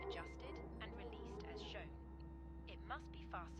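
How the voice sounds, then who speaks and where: A woman's voice: on the high side, normal speed. A woman voicing a flight attendant reading a formal, instructive safety announcement over an airliner cabin PA. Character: female flight attendant giving the safety briefing. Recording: dull, distant cabin speaker under loud music. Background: loud music.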